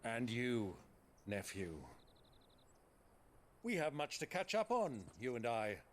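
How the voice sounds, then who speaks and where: An actor playing a genial, flamboyant older uncle in a video game, speaking with florid, grand courtesy. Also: male voice, medium pitch, very animated, takes it slowly, slight background noise. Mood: fond farewell. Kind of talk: video game cutscene acting. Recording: game music behind the voice.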